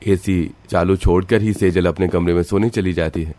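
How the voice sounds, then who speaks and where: A man narrates a cartoon story in an even, matter-of-fact way. His voice is very low. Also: normal speed.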